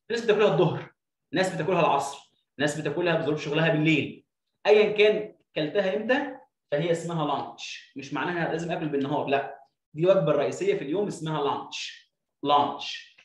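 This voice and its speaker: Man with an Egyptian accent, classroom-style drill delivery, fairly high pitch, roomy sound. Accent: Egyptian Arabic. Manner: drills words by repeating them slowly. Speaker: English teacher. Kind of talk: explaining phonics lesson.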